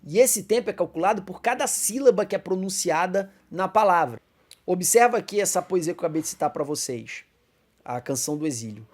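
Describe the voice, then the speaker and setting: A man's voice: high-pitched, expressive. Brazilian man teaching Sunday school. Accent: Brazilian Portuguese. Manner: explanatory, addresses listeners as brothers, recites verse slowly. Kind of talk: Bible class lesson.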